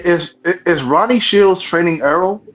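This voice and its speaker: A man's voice: high voice, measured pace, a bit bright, lo-fi sound, faint music behind. A man joining a casual boxing discussion with an informal, slangy way of talking. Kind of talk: casual chat about boxing.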